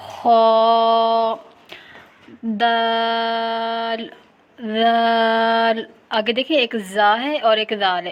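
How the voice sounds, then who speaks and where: A woman teaching Arabic letter pronunciation step by step, drawing each sound out slowly between quick explanations. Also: medium pitch. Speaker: Quran reading teacher. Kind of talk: step-by-step recitation lesson. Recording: dull lo-fi sound.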